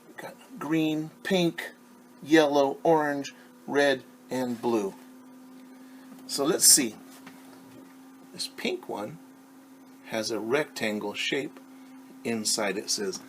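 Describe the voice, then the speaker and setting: A male teacher reads a picture book aloud to young children at storytime, patiently asking questions and pausing for their answers. His voice is medium-pitched, with slight background noise.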